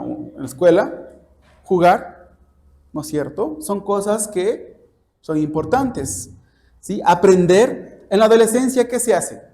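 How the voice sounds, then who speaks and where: A high-pitched, mellow male voice belongs to a church preacher and Bible teacher who grew up speaking Spanish. His expository sermon unfolds like a class, didactic in tone, with frequent questions checking that the audience understands.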